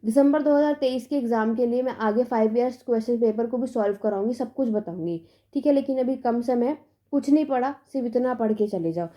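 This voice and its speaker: A woman's voice: fairly high pitch, a little fast, dark tone. A young woman tutor giving emphatic, repetitive exam tips in a casual lesson, often checking in with her students. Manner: emphatic, repetitive reassurance with "theek hai" checks.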